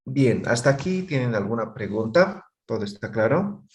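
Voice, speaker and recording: A man's voice: mid-range voice, sing-song, normal speed, a little hiss or hum. A man teaching a language class, explaining patiently and often checking that students follow. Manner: patient, checks understanding with frequent tag questions.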